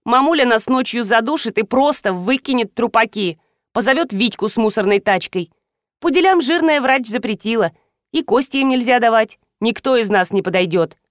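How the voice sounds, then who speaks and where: A cheeky young woman tosses out crude, slangy jokes in a light voice, as a narrator puts her on. The audiobook sound is dry and close, the voice sitting a little high. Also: lively intonation, normal speed, no room sound, natural voice. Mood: teasing.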